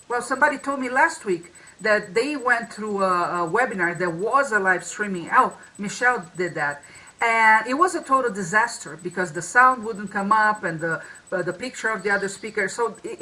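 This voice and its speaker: On a rough recording, a woman with a medium-pitched, sharp-toned voice co-hosts a marketing talk via video call. It's casual webinar chatter, and she restarts often and leans on fillers in her strong, loose delivery.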